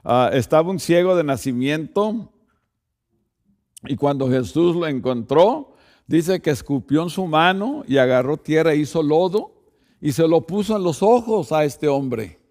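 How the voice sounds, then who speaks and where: A man's voice: a little high, expressive, a little slow, darkish tone. A man, a pastor, preaching a sermon and speaking directly to the congregation, often checking in with rhetorical asides.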